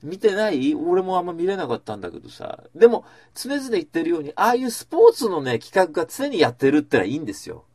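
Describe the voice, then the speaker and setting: A man's voice: on the high side, huge pitch swings, quick pace, hardly any pauses, darkish tone, husky, no room sound. A man hosting a casual chat, rambling through stories with asides and acted-out quotes.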